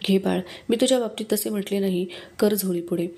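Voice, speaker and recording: A woman voicing a gentle, dutiful mother of four who speaks earnestly. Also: mid-range voice, quick pace, lightly acted.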